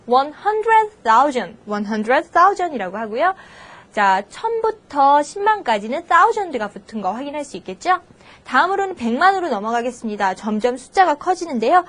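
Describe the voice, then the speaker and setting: A woman teaches a scripted English lesson, her voice high and swinging widely in pitch. She keeps prompting her students with quick questions. She reads each English example out slowly and deliberately. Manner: slow, drawn-out English model phrases between Korean explanations.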